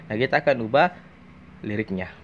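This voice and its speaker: A man teaching a religion lesson to children, talking slowly and carefully. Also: lowish voice, lively intonation, highs cut off, a little hiss or hum. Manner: slow and deliberate, addressing children. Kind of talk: classroom lesson with singing.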